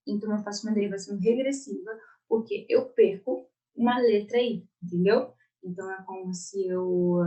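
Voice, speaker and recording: A woman's voice: medium pitch, a little mellow, highs cut off. A woman with a Brazilian Portuguese accent teaching an online exam-prep Portuguese lesson, explaining step by step and checking in often with her students.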